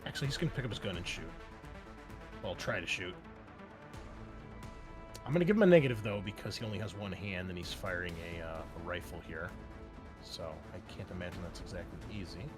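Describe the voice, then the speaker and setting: A man whose voice sits low narrates fairly quickly but leaves long pauses. He's the game master and show host of a tabletop roleplaying game, describing scenes casually and wryly over music.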